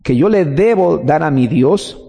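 A man's voice: on the high side, lively intonation, unhurried, gravelly, warm tone, breathy edge, long reverb tail. A man preaching a teaching sermon, explaining step by step and answering his own questions.

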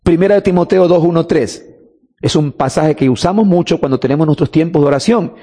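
A man's voice: fairly high pitch, a little fast, dark tone, breathy edge, long reverb tail. A man preaching a sermon, emphatic, drawing out key words and asking rhetorical questions.

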